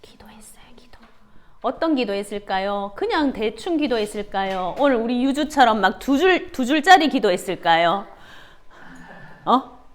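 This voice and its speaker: A woman's voice: fairly high pitch, moderate pace. A woman giving a children's Sunday school sermon, asking the kids questions and gasping for effect. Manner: animated, asks children questions, gasps for effect.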